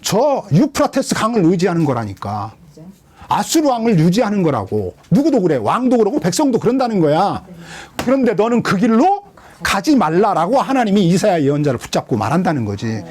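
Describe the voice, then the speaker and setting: A man with a high voice and brisk delivery preaches an expository sermon as a pastor. He is lively, questions his listeners, and acts out quoted lines in dramatic voices.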